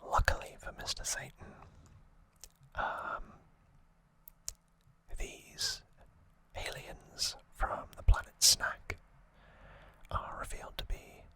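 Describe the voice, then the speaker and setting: Here a whispering ASMR host gives an informal summary, breathy and gentle, never rushing, and stepping aside now and then for conversational comments.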